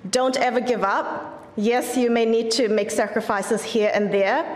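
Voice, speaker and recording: A woman's voice: fairly high pitch, fairly even intonation, unhurried. A woman judge giving an earnest, encouraging award speech on stage, opening with a formal greeting in Māori. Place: large event hall. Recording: echoey hall with long reverb.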